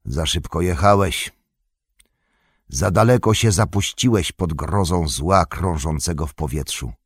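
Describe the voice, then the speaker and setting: Guy reading a cold stern old lord, low husky voice, slow. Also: no room sound, studio quality, full character voice. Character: stern aging lord, cold and commanding father. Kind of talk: audiobook reading.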